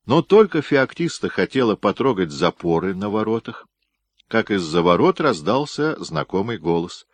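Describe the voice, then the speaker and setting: A man reading a historical novel aloud in measured narration. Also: on the low side, very animated, dry recording. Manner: measured, storytelling. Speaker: audiobook reader. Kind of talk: scripted narration.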